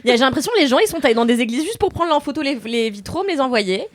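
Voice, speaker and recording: A woman's voice: sits high, animated, rapid-fire, dry recording. A tired woman co-hosting a podcast, joking around and laughing a lot in casual chat. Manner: joking, laughs often, mock dramatic. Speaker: podcast co-host.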